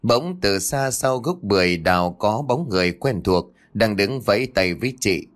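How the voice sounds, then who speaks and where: Một người đàn ông kể truyện ma theo kịch bản, giọng đều và kịch tính. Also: male voice, lowish voice, expressive, normal speed. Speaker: storyteller. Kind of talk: scripted ghost story narration. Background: faint music.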